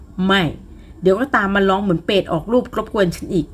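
A woman voicing a proud, quick-tempered young woman in an audiobook romance, giving short, sharp retorts. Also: medium pitch, husky, close to an everyday voice. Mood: furious.

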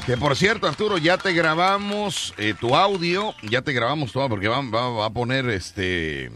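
A man's voice: mid-range voice, moderate pace. Mexican guy hosting radio, jokey storyteller, voice bouncing all over, music underneath. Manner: joking, lively storyteller with many restarts. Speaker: radio host. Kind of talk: comic morning radio talk.

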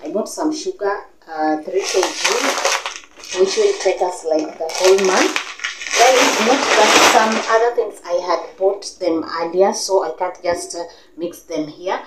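A young Kenyan woman with a Kenyan English accent talks at a measured pace in a fairly low voice, recorded with heavy reverb and a lot of noise. She's a vlogger sitting indoors in a living room with a sofa, chatting to camera about her grocery haul, gesturing a lot and full of fillers and restarts.

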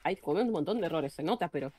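A woman's voice: sits low, animated, racing, dark tone. Blunt ranting woman, Argentine Spanish accent. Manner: blunt, ranting, frequent self-interruptions. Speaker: streamer. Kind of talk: casual live-stream chat.

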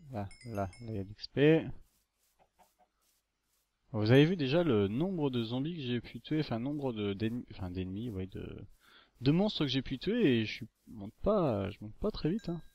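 A man's voice: medium pitch, very animated, normal speed, darkish tone, dry recording, highs cut off. A man casually narrating a video game as he plays, chatty and rambling, coaxing the creatures on screen. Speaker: gaming YouTuber. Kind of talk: casual let's-play commentary. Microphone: desktop microphone.

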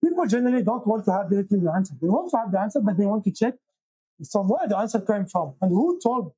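Belgian-born guy in his 30s, high husky voice, stumbles and restarts a lot, dry lapel mic. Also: sing-song, mellow, dry recording, poor audio. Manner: halting, many restarts and fillers. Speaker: guest, software engineer and founder. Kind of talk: casual interview. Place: small wood-paneled room, indoors.

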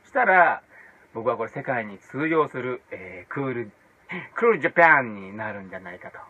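A male comedian hosting his own video blog, talking in a casual comic monologue and jumping into loud mock-English shouts. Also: mid-range voice, expressive, fairly quick, breathy edge. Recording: dull lo-fi sound.

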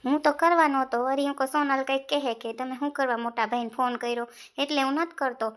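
A woman's voice: high-pitched, fairly even intonation, fast talker, a bit bright. A woman playing a grumbling, fed-up younger brother in a comic family skit, with a Kathiyawadi Gujarati accent and an argumentative, complaining way of talking. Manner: complaining, argumentative village talk. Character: man, Sandeep, a grumbling middle-aged younger brother.

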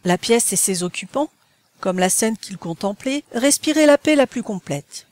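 A woman narrating a classic novel as an audiobook in a measured, even storytelling manner. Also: on the high side, dry recording.

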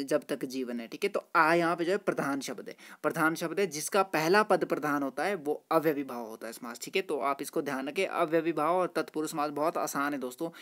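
A man's voice: fairly high pitch, a bit bright. A man teaching grammar for exam prep. He is friendly, goes through quiz answers step by step and keeps repeating "ठीक है" and "दोस्तों".

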